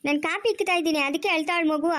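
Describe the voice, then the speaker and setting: A woman's voice: very high-pitched, very fast, a bit bright, no room sound, studio quality. A woman voicing a sassy village granddaughter. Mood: impatient. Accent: rural Chikkaballapur Kannada. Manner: mocking, talks back. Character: sharp-tongued young granddaughter, sassy and impatient. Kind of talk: cartoon voice acting.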